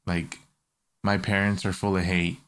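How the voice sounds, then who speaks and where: A man's voice: low voice, little pitch movement, measured pace, a bit bright, clear, resonant tone. A young man co-hosting a casual reaction podcast, ranting bluntly and with lots of swearing. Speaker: podcast co-host.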